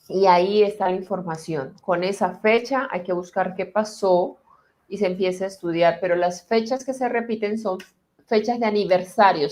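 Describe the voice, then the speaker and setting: A middle-aged woman therapist speaking slowly and calmly, guiding listeners through a reassuring talk that answers their questions. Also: mid-range voice. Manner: calm, slow, reassuring guidance with pauses. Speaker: transgenerational therapist.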